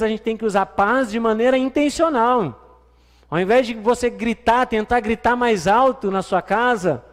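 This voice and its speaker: A man with a Brazilian Portuguese accent preaching a sermon in a church, chatty and playful, asking the congregation questions. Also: sits high. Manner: conversational preaching with playful asides and acted quotes. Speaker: pastor. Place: church hall. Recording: reverberant church hall.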